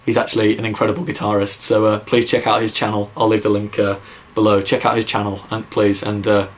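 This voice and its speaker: Fast-talking and flat, this lowish-voiced young man has a mild English Midlands accent and comes from near Birmingham. There's slight background noise as he answers viewer questions in a casual vlog Q&A. He rambles, piling on fillers and "like," and acknowledges it himself.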